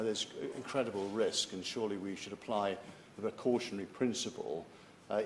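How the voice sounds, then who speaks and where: A man's voice: fairly low pitch, a little hiss or hum. A man making a rambling intervention in a parliamentary debate, searching for words as he speaks. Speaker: member of parliament. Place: large debating chamber.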